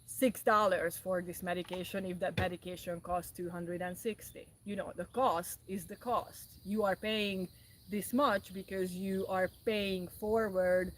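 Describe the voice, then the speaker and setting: A woman's voice: lowish voice, steady tone, a little slow, poor audio. Woman host, earnest and repetitive, casual wellness talk, slight hiss behind. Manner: earnest, repetitive, restarts often.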